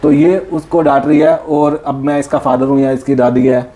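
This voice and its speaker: A man's voice: medium pitch, steady tone, normal speed, dark tone. A man co-hosting a vlog, explaining parenting tips earnestly and often checking in with "right?". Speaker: co-host, father. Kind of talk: casual parenting advice chat.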